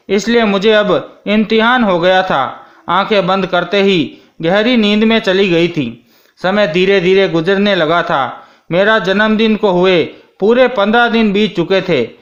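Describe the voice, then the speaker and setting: A man narrating a first-person story in a steady, scripted reading. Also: high-pitched. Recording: dull lo-fi sound.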